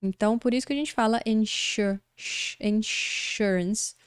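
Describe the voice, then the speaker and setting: A woman's voice: fairly high pitch, moderate pace, smooth, no echo, studio quality. A woman from Brazil teaching an online English lesson, explaining words patiently step by step.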